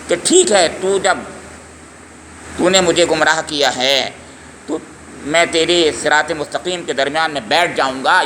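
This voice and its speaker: A man's voice: a little high, bright, forceful tone, roomy sound, a little hiss or hum. A man giving a religious lecture on scripture, emphatic and often putting questions straight to his listeners. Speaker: Quran lecturer.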